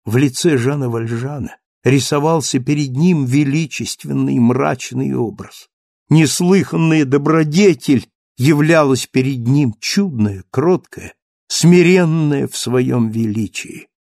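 Gravelly male audiobook narrator. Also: medium pitch, unhurried, darkish tone, dry recording, clean studio sound. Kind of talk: audiobook reading of a classic novel.

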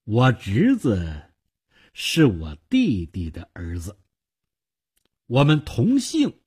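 A man voicing a shrewd, wealthy older uncle who talks in a measured, quietly persuasive way, with a husky voice. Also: medium pitch, wildly swooping pitch, full character voice. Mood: calm scheming.

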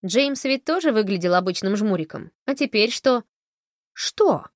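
A woman reading an audiobook, voicing a calm, breezy and ironic young woman inquisitor. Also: medium pitch, moderate pace, no echo, studio quality, pitched above the performer's own voice, natural voice.

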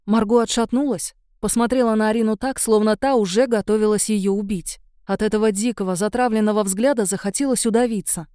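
A woman narrating an audiobook in an even, unhurried way. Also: mid-range voice, no room sound, clean studio sound.

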